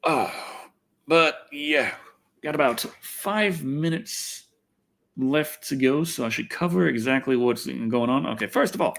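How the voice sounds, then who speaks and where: Speaking a little slowly in a mid-range voice with vocal fry and a fairly bright tone, this American livestreamer from Texas chats loosely with viewers and answers their questions. He's a host and video reviewer who thinks out loud, cusses freely and pokes fun at himself.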